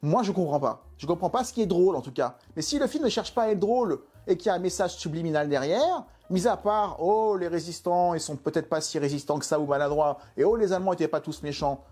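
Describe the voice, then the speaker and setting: A man's voice: a little high, animated, fast talker, hardly any pauses, a little mellow, husky, soft background music. A man reviewing a film in an exasperated, emphatic way, full of rhetorical questions. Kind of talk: opinionated video film review.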